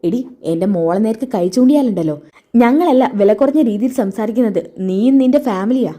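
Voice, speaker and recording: A woman's voice: a little high, lively intonation, moderate pace, warm tone. Sneering mom character, a woman putting her on, contemptuous. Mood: scornful. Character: scornful proud mother defending her daughter.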